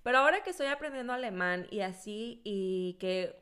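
A woman's voice: medium pitch, lively intonation, normal speed, a bit bright, clean tone. A woman with a Mexican accent, chatting casually and self-deprecatingly, often using fillers as she talks. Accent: Mexican Spanish. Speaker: language learner. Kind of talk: casual conversation.

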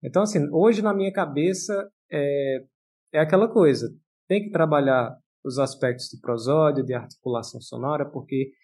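A man co-hosting a podcast, speaking in a measured, reflective way with many fillers. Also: fairly high pitch, a little mellow, husky. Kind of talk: casual discussion.

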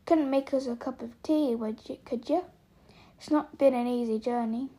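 A woman's voice: high voice, normal speed, mellow. A woman doing a big, kindly giant of a man. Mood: friendly. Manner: rough, homely speech. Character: huge shaggy male giant, gruff but kindly.

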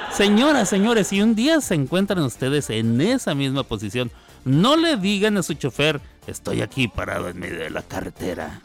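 A man, a radio host telling a joking story in a casual, chatty monologue with playful sound effects. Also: high voice.

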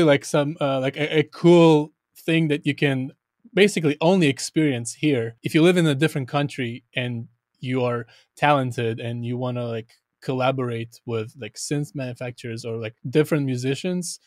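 A man from Israel hosts a casual interview with friendly enthusiasm, laughing along with his guest. His voice sits at a middle pitch. The recording is dry and close, with no room sound. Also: normal speed, a little mellow, no room sound. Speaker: interviewer host.

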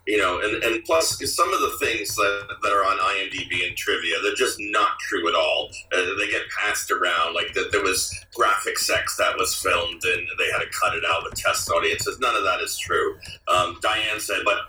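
A man talks about his work in a loose, rambling way, full of restarts and fillers. His voice is very bright and sharp, and it sits a little far back from the microphone, in a slightly distant sound. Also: sits low, normal speed, a little hiss or hum. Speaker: author being interviewed. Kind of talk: casual interview chat.

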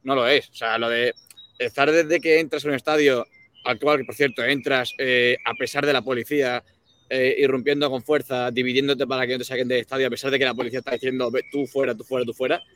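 A man's voice: mid-range voice, flat delivery, quick pace, fairly bright tone, slight background noise. A man from Spain giving a sports radio report, explaining at length with fillers.

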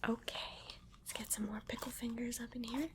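A woman whispering a playful ASMR role-play, coaxing the listener with gentle repeated instructions. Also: fairly high pitch, steady tone, a little fast, very noisy. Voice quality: soft whisper. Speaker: ASMR creator.

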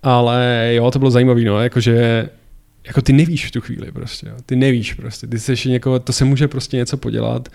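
A man casually telling a story as a guest, animated, acting out shouted quotes with many fillers and restarts. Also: mid-range voice, gravelly.

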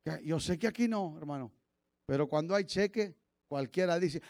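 A man preaching a fiery sermon as pastor, dropping to low murmurs and rising to shouted exhortation, often calling out "hermano". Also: moderate pace, no echo, studio quality. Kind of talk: fiery Pentecostal-style sermon.

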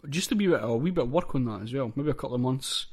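A Scottish man talks as the host of a laid-out review chat. His pitch is average and his manner is informal, with casual wording and some swearing. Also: expressive, very fast, breathy edge. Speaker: host of a hip hop review show.

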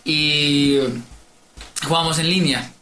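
Bright-voiced man telling stories. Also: fairly high pitch, takes it slowly, reverberant, soft background music. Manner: animated storyteller, mimics accents. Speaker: podcast co-host. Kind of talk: casual chat.

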